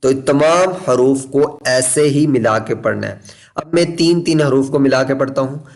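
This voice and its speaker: A man teaching Quran reading in a recorded lesson, explaining patiently and deliberately, repeating key points and slowly drawing out letter names to demonstrate. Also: mid-range voice, darkish tone.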